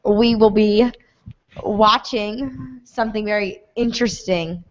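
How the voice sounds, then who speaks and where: A woman's voice: mid-range voice, takes it slowly. A young woman enthusiastically co-hosting a student telethon, on a dull lo-fi recording. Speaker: telethon co-host. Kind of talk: casual live presenting.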